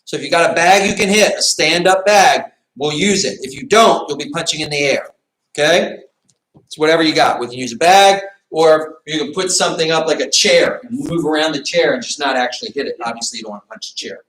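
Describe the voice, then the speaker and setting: Male martial arts fitness coach, higher voice, informal instruction with encouraging corrections, roomy sound. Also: fairly quick, fairly bright tone. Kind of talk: casual instruction and encouragement to a class. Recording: echoey room.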